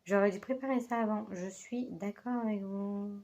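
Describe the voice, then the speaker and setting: A woman's voice: medium pitch, steady tone, moderate pace, darkish tone. A woman talking casually into a phone as a book vlogger, hesitant, with many fillers and self-corrections. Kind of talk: casual chat. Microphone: phone held in hand.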